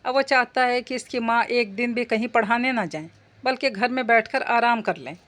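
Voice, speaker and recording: A woman's voice: on the high side, moderate pace, fairly bright tone, lightly acted. A woman reading the part of a reasonable, soothing elder daughter-in-law who is a young mother.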